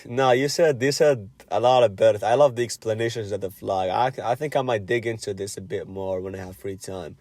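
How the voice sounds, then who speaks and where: A man's voice: fairly low pitch, a little fast, few pauses, a little mellow, dry recording. Blunt young man from Algeria. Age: 20s. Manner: blunt, curious, swears freely. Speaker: host chatting with strangers online. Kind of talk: casual chat.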